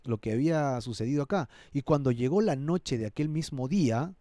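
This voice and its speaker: A man's voice: mid-range voice, expressive, fairly quick, mellow, no room sound. A male pastor preaching an expository sermon, dramatizing the scripture and earnestly appealing to his listeners. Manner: dramatizes the scripture, acting out characters' voices.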